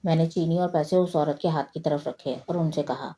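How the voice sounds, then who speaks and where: A woman reading a horror story aloud in a steady, low-key way. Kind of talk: scripted horror story narration.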